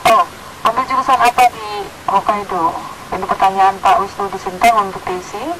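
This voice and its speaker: A woman with a mid-pitched voice hosts a live radio call-in. She addresses guests and reads listener messages aloud. Loud noise runs through the recording. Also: moderate pace.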